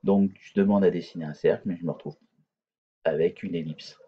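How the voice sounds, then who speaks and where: Deep-voiced man teaching in a screencast. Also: steady tone, a little fast, breathy edge, highs cut off. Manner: hesitant, many fillers and restarts. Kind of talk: screencast coding tutorial.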